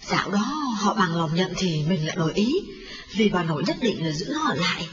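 A man's voice: high voice, big pitch swings, a little fast, heavy background noise, pitched above the performer's own voice. A man voicing a frightened young mother who wails and sobs. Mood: resigned. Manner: wailing, sobbing cries. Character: frightened young mother, woman, grieving and frantic. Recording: roomy, lo-fi, distant, with music.

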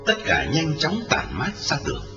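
A man narrating a dramatic story, expressive in his storytelling. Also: fairly high pitch, moderate pace. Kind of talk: dramatic audiobook reading. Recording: roomy, lo-fi, distant, with music.

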